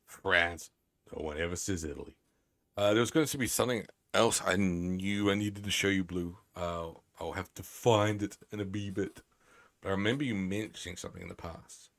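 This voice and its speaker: A male streamer with a very deep voice rambles along with his game, swearing freely and poking fun at himself. His talk is casual and loose, full of fillers and restarts. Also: fairly quick. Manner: rambling, profane, self-mocking. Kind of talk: casual live-stream commentary.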